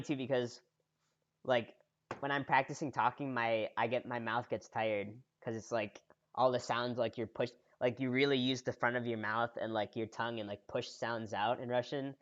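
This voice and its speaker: Casual man on a dull-sounding podcast mic. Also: medium pitch. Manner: relaxed, heavy use of "like" and "uh". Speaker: podcast co-host. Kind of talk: casual chat.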